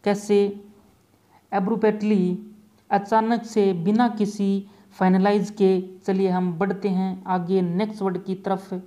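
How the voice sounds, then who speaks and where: Speaking in a high, dark voice with a flat delivery, this teacher goes through exam vocabulary slowly. He repeats points often and blends English terms into his Hindi explanations.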